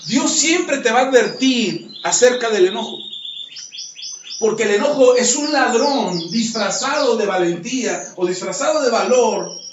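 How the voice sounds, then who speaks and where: Pastor, male, high voice, sermon delivery with acted dialogue. Dull, distant room recording. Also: a little slow. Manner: acts out dialogue in lively voices. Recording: roomy, distant, dull sound with faint noise.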